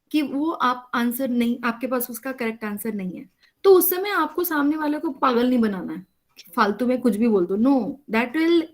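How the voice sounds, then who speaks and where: A woman teacher lecturing a college class over a video call, explaining patiently and often checking in with her students. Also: a little high.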